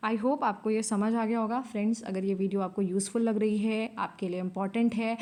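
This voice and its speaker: A woman's voice: medium pitch, steady tone, darkish tone. Woman teacher spelling words out. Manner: spells words out letter by letter, slow and deliberate; repeats key words and checks understanding. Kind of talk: spelling lesson, mixing English terms into Hindi.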